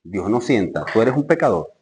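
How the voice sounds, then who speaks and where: A man's voice: on the low side, very animated, moderate pace, darkish tone. A man preaching a Bible study sermon, emphatic, asking rhetorical questions and rising sharply when he reads scripture. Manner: addresses listeners directly, rhetorical questions.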